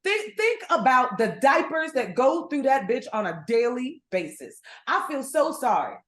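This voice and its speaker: A woman co-hosting a podcast in casual chat, with a fairly high voice that swings widely in pitch. She talks bluntly and swears freely. The room gives her voice a noticeable echo. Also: big pitch swings, a little slow, a bit bright. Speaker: podcast co-host.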